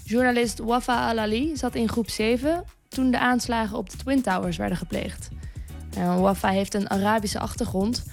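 A woman hosting a late-night radio show, soft and intimate as she introduces guests. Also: mid-range voice, steady tone, moderate pace, creaky, soft background music. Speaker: radio host.

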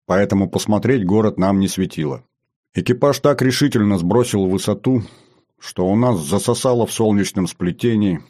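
A male narrator reads a first-person adventure audiobook. His voice is low and mellow, and his delivery is even and descriptive.

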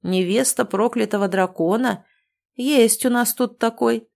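A cruel, mocking male guard from a fantasy storybook, as a woman reader puts him on. He talks in a rough, scornful way and sounds a little raised and louder than plain narration. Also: fairly high pitch, measured pace.

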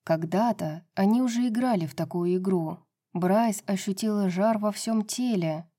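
A woman narrating a romance novel as an audiobook, in an even reading voice. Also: medium pitch, moderate pace.

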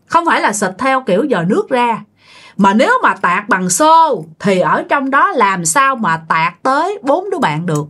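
A woman with a southern Vietnamese accent tells a ghost story in a raised, lively voice. Her pitch rises and falls a lot, and she keeps speaking straight to her listeners. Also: moderate pace. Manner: animated, addresses listeners directly.

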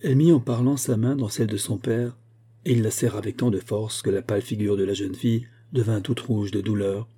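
A male audiobook narrator reading a classic novel in a measured, steady way. His voice sits low and sounds dark and husky. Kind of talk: scripted narration.

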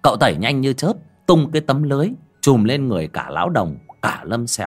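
A man narrates a horror tale. His pitch rises and falls a lot as he builds suspense, and a faint music bed plays behind him. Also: brisk. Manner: vivid, expressive storytelling. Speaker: audiobook narrator. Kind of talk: dramatic horror story narration.

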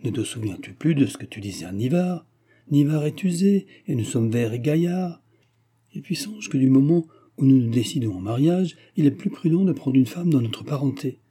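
A man reading the part of a gruff, blunt middle-aged hunter who argues insistently with his brother. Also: medium pitch, animated, moderate pace, warm tone, pitched above the performer's own voice. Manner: insistent, bluff.

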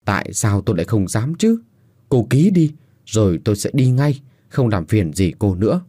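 A man's voice: on the low side, big pitch swings, normal speed, dark tone, no echo, studio quality. A man playing a cruel, cold husband who speaks in harsh, commanding threats.

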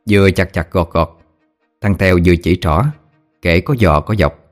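Male audiobook narrator, Southern Vietnamese accent, lower voice, lively storytelling over faint music. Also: moderate pace. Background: soft background music.

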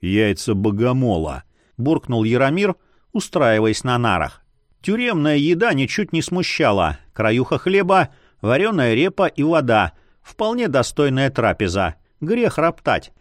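A man narrating a fantasy audiobook in an expressive storytelling manner. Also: mid-range voice, a little slow, dry recording, clean studio sound.

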